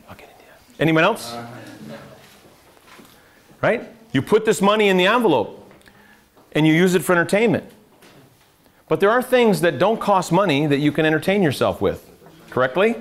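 Man, American accent, middle-aged, live seminar lecture, dry sarcastic asides, fairly high-pitched. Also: sing-song, moderate pace, pauses often. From United States. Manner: conversational, quizzes the room, dry sarcastic asides. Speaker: financial adviser teaching a seminar.

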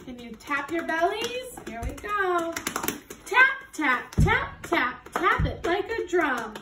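Using a very high voice that swoops up and down, a woman in her thirties slowly reads a picture book to kids in teacher fashion, inviting them to participate. A phone camera several steps away captured it indoors in a home living room, so the audio is echoey, distant, and noisy.

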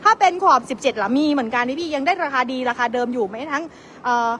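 Saleswoman, high-pitched and fast, chatty live-sale pitch, faint shop noise behind. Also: a bit bright. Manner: fast, chatty sales patter, keeps calling out prices. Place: tire shop.

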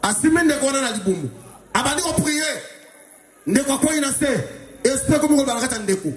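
High-voiced Congolese comedian shouting stories. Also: male voice, fairly quick. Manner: animated, often shouting punchlines, mixing two languages. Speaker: stand-up comedian. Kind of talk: live stand-up storytelling. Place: live stage in a hall. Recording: echoey live hall with music.

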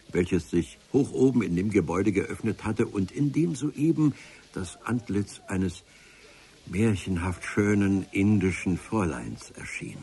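A man with a low, dark, husky voice narrates a radio adventure serial in the first person from a radio drama studio. His scripted storytelling is dry and ironic.

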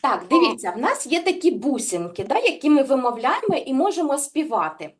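A woman teaching young children in an online lesson over a video call, drawing out sounds slowly and praising pupils warmly by pet names. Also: high-pitched, sing-song, a little hiss or hum. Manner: slow, exaggerated articulation of sounds. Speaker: speech development teacher.

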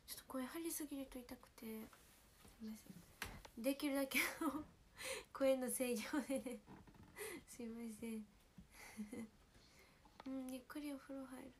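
A teenage woman with a Kansai accent chatting casually with fans on a livestream, speaking softly and often whispering because of a sore, swollen throat. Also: high voice, fairly even intonation, unhurried, long pauses, slight background noise. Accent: Kansai Japanese. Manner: soft-spoken, often drops to a whisper. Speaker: idol livestream host. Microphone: phone.

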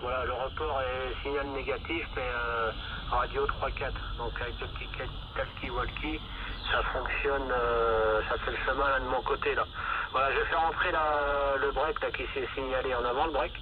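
A man's voice comes through a small walkie-talkie, muffled and lo-fi, under a steady hiss of radio static. He runs an easygoing CB contact, reading out call signs letter by letter and pausing on fillers. His voice sits at an ordinary middle pitch. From France. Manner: unhurried, full of fillers and call-sign spelling. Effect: heard through a handheld walkie-talkie receiver. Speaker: CB radio operator. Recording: lo-fi radio reception with strong static.

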